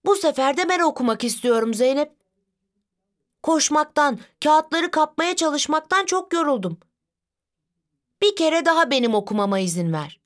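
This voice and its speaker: A woman voicing an eager little boy, the younger brother, with high, excited exclamations. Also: normal speed, pauses often. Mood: pleading.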